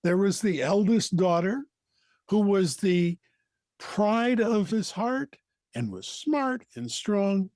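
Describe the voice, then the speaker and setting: An American man tells a folktale in a high-set voice for a man, with lively swings of pitch. He goes slowly and deliberately, leaving dramatic pauses between phrases. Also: no room sound, clean studio sound. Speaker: storyteller, co-host. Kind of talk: oral folktale storytelling.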